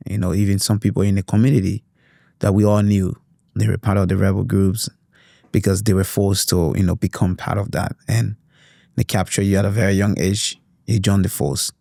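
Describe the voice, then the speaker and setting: A man's voice: fairly low pitch, level tone, fairly quick, gravelly, mellow, dry recording, clean studio sound. A young man with a Liberian accent from Liberia, telling his story earnestly and reflectively as an interview guest, with frequent "you know" fillers. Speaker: youth advocate guest.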